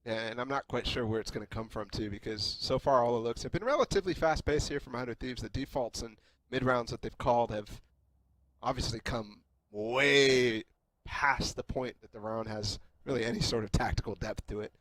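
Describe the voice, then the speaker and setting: A man's voice: medium pitch, normal speed, a bit bright, dry recording, rough recording. A man working as an esports caster, giving live analysis and explaining tactics.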